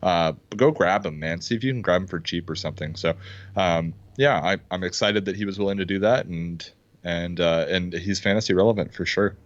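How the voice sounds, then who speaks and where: Excitable deep-voiced man co-hosting. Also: a little fast. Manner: excitable, pounds the table. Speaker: podcast co-host. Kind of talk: casual fantasy football chat. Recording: dull, dry lo-fi sound.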